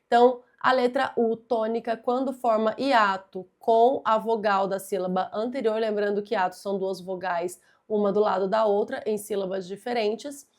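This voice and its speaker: A woman's voice: mid-range voice, steady tone, moderate pace, hardly any pauses. A young adult woman teaching a grammar lesson, patient and methodical, stressing key words and speaking straight to the student. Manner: talks directly to the student. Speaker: Portuguese teacher. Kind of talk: exam-prep grammar lesson.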